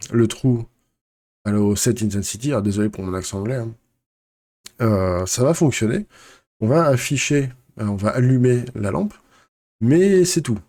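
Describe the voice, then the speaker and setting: Guy walking thru a software tutorial, mellow darkish voice, lots of euh and restarts. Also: mid-range voice. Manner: relaxed explaining, frequent fillers and self-corrections. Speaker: game development tutorial teacher. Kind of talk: screen-recorded software tutorial.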